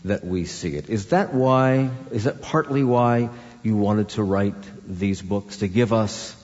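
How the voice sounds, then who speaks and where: A man hosting an interview, asking long, measured questions. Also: fairly low pitch, darkish tone. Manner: measured, reads quotes, asks long questions. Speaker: interviewer, host. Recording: dull sound with long reverb.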